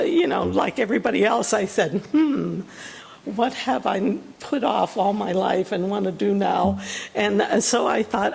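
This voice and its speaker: An older woman from Western Pennsylvania giving a casual, chatty talk as a guest author, self-deprecating and quick to laugh. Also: medium pitch. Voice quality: gravelly, husky.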